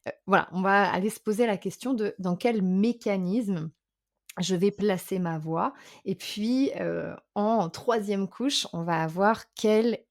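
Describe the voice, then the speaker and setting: A woman vocal coach and singer, speaking as a podcast guest in a thoughtful, explanatory way, often pausing on fillers. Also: mid-range voice, a little mellow. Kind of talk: conversational interview.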